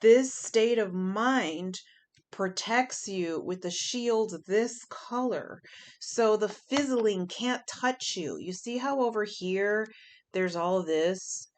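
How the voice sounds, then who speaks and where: A woman's voice: mid-range voice, slow. A woman giving a chatty pick-a-pile tarot reading, emphatic and fond of repeating her phrases. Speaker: tarot reader.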